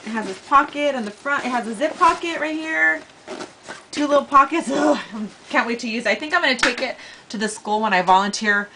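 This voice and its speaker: A middle-aged woman chatting casually to camera as a vlogger, with an animated, gushing, informal way of talking. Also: mid-range voice, slight background noise, low-quality recording. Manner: animated, gushing enthusiasm, informal slangy wording. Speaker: vlogger hosting a giveaway.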